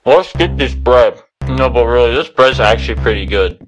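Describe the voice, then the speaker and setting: A man talking through a deepening voice changer, giving deadpan, jokey commentary while playing a game. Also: moderate pace, faint music behind, rough recording. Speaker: gamer. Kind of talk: joking gameplay commentary.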